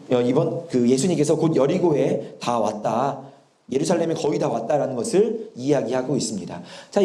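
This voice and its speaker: A man's voice: a little high, warm tone. A male pastor preaching a sermon in a church, explaining and telling the story animatedly, with a sore throat. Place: church sanctuary. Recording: echoey church hall.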